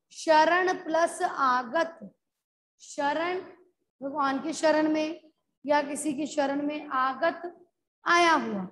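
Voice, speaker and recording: A woman teaching a Hindi revision class. She stretches out key words slowly, calls her students "beta" and mixes English words into her Hindi. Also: sits high, fairly bright tone. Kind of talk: online class revision lesson.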